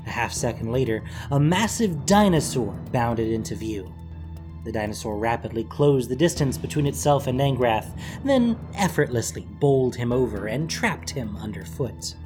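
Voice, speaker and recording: Expressive storyteller narration, lively pitch, over a steady music bed. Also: normal speed. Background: background music.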